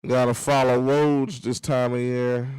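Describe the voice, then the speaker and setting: Smooth-voiced man chatting on a stream. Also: medium pitch, flat delivery, measured pace, darkish tone, dry recording. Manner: rambling, profane storytelling with fillers. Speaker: livestream host. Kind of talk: casual livestream chat.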